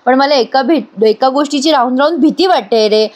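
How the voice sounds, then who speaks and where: A woman's voice: high voice, a little fast, darkish tone, close to an everyday voice. Woman voicing a weary, fretful father. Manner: tired, worried.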